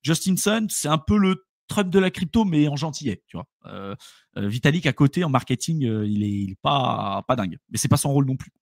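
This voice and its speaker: A man co-hosting a casual live stream, rambling through stories in slangy speech full of fillers. His voice sits at an ordinary pitch and sounds dry and close, with little room around it. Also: very animated, brisk, vocal fry, no room sound. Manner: loose, slangy storytelling with many fillers. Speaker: co-host of a crypto live stream. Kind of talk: casual chat.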